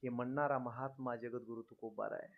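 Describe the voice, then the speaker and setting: A man preaching a devotional kirtan sermon, telling stories dramatically and moving between hushed and loud delivery. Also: mid-range voice, fairly even intonation, a little fast, narrow, tinny audio.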